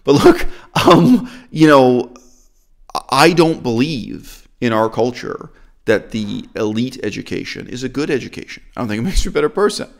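A middle-aged man from Canada, hosting an opinionated discussion in an animated, emphatic and critical way. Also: medium pitch, moderate pace, vocal fry. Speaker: host.

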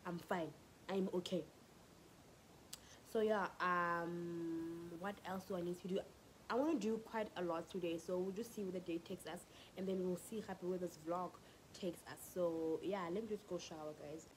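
A South African woman in her twenties chats casually in a home vlog, congested with flu, holding her phone camera at arm's length as she moves between living room and bedroom. Her lowish voice is fairly even at a normal speed, she slips in Setswana phrases, and the low-quality recording has a little hiss or hum.

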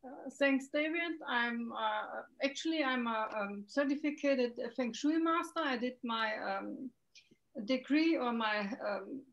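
A middle-aged woman from Germany with a German accent, a native German speaker, talking hesitantly with many pauses as a guest on a video call. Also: on the high side, fairly bright tone. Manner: hesitant, searching for words with many ums. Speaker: guest, feng shui consultant. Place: home room with window. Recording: dull lo-fi video call audio.

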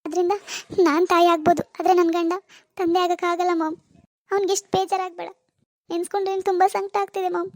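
A woman's voice: very high-pitched, flat delivery, fast talker, a little mellow, no echo, clean studio sound. A woman voicing a tearful young married daughter in a cartoon, complaining and full of self-pity. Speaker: grieving daughter. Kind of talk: cartoon voice acting.

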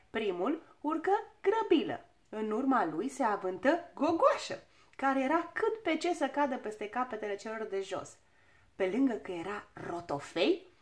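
A woman storyteller narrating a children's audiobook with a lively, expressive reading. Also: high-pitched.

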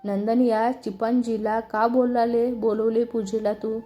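A woman's voice: a little high, level tone, measured pace, lo-fi sound, soft background music, close to an everyday voice. A woman voicing a hot-tempered young woman who hurls angry insults in a storybook reading.

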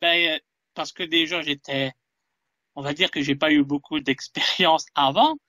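A man's voice: a little high, steady tone, measured pace, sharp tone, dry recording. Hesitant man, dry close sound. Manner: hesitant, many fillers and restarts. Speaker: interviewee. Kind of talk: casual interview.

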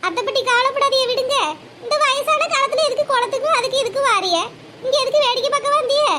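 A woman's voice: very high voice, fast talker, sharp tone, a little hiss or hum. A woman voicing a bossy, bustling young village woman in a cartoon, hollering orders. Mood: urgent, bossy. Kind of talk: cartoon voice acting.

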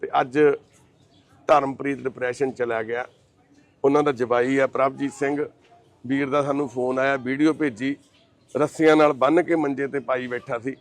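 His voice is mid-range, with fairly even intonation and a normal pace. Chatting casually, the host consoles a troubled man with warmth and reassurance, then makes an earnest, pleading appeal to the camera.

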